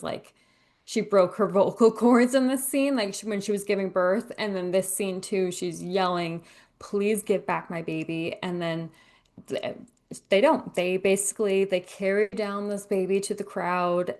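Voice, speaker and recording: A woman guest with a middle-pitched voice chats casually in an interview. She tells stories animatedly and slips into acted-out quotes. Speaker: guest, gardener.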